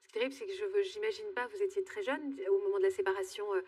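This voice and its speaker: A woman's voice: medium pitch, racing, a little mellow, slightly rough, far from the mic. A woman hosting a talk show, asking probing questions and thinking aloud. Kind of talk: empathetic interviewing. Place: TV studio.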